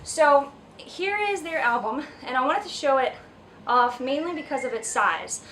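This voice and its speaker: A woman's voice: high-pitched, lively intonation, a little slow, fairly bright tone. A woman wedding photographer, slightly out of breath, chatting casually with lots of ums and restarts as she shows off an album at home. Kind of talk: casual video vlog. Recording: slightly distant mic, faint household noise. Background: kids screaming upstairs.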